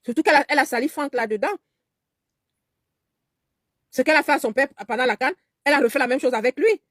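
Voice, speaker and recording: A woman's voice: high voice, quick pace, a bit bright, dry recording, studio quality. A woman talking angrily straight to her audience, insistent and given to repeating herself, at times mimicking another woman's pleading voice. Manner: indignant, insistent, repeats phrases. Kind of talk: angry personal video monologue.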